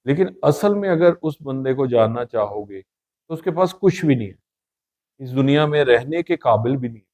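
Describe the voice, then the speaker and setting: A man's voice: medium pitch, animated, normal speed, a little mellow. A middle-aged man speaking as a guest in a casual interview, telling his views in an earnest, reflective way. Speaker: podcast guest.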